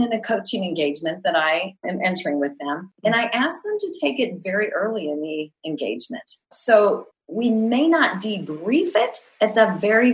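On a low-quality recording, a middle-aged woman who works as an executive coach gives podcast interview answers. She sounds earnest and reflective, her voice at a typical middle pitch, and she tends to list traits at a measured pace.

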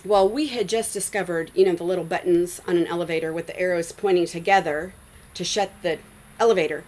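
A woman in her forties recounts a story in a relaxed interview, her voice sitting a little low. She talks in an animated, loose way, peppered with "like" and "you know.". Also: brisk, low-quality recording. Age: 40s. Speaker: guest, schoolteacher.

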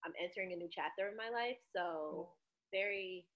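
A soft-spoken woman chatting casually as a guest on a talk show, on a dull remote call. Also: fairly low pitch, moderate pace. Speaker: returning guest, author. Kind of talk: casual chat.

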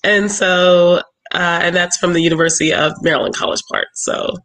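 A woman's voice: on the low side, steady tone, normal speed, a bit bright, low-quality recording. A woman in her forties from Philadelphia, a travel business owner chatting casually as a podcast guest and laughing often. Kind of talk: casual interview chat.

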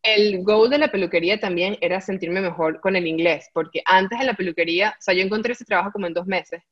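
Lively Spanish-speaking woman, lo-fi. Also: mid-range voice, fast. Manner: animated, laughs often, mixes in English words. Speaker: guest. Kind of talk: casual storytelling. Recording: dull lo-fi audio.

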